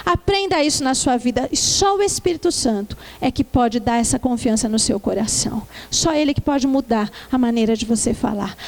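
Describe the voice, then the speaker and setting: A woman pastor preaching a sermon, telling her testimony with lively tag questions and calling the congregation to answer back. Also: high-pitched. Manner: calls for congregational response. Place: church.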